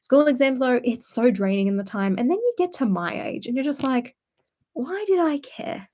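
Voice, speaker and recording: A woman's voice: fairly high pitch, animated, brisk, mellow. A young woman hosting a casual live stream, telling rambling stories and answering comments in a chatty way. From Australia. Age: young adult. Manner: chatty rambling storyteller, many fillers. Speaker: channel host. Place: at home indoors.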